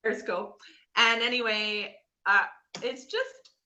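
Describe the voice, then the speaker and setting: A woman's voice: on the high side, steady tone, slow pace, bright, forceful tone, poor audio. A woman with a Nova Scotian Canadian accent co-hosting a podcast, chatting casually in a rambling, gossipy recap. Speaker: podcast co-host.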